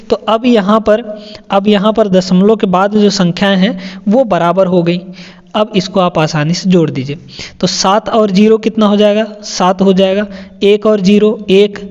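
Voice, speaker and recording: A man's voice: sits high, darkish tone. A man. He repeats each step and keeps checking in with the class. The audio is dull and lo-fi, with a long reverb tail. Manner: repetitive, checks in with "है ना?" often. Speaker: math teacher. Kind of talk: classroom lesson explaining sums.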